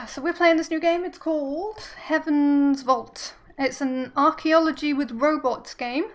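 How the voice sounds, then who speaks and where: Female game streamer, high voice, casual let's play chat and commentary. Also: fairly even intonation, measured pace. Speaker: video game streamer playing a story game.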